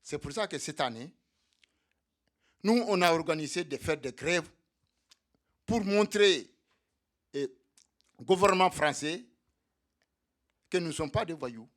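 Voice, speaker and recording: A man's voice: high-pitched, fairly bright tone. A man giving a militant speech to comrades at a solidarity evening, speaking for undocumented migrants and repeating his points to rally the room. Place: meeting hall.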